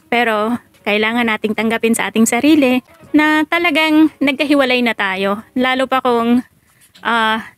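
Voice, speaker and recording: A woman's voice: fairly high pitch, no echo. A woman giving casual breakup advice to her viewers. She switches between Tagalog and English, asks rhetorical questions, and laughs between points. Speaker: relationship advice vlogger.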